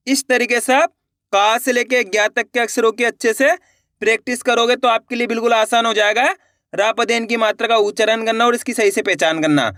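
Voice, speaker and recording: A man teaching reading in a video lesson, sounding out each syllable slowly and asking the viewer how to say each one. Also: high voice, fairly bright tone, no echo, studio quality. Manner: slow, drawn-out syllables, asks the viewer questions.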